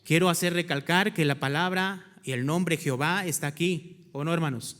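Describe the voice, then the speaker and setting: A man's voice: fairly high pitch, normal speed, fairly bright tone. A male pastor preaching a sermon, reading scripture aloud and asking his congregation questions he then answers himself. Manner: reads scripture aloud between explanations. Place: church. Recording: hall reverb from a church.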